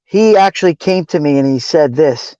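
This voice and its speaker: A man's voice: a little high, expressive, moderate pace, mellow, no room sound, highs cut off. A man from New York with a Brooklyn accent, chatting casually and earnestly as a livestream co-host, repeating phrases for emphasis. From New York City, raised in Brooklyn. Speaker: livestream moderator and cameraman co-host.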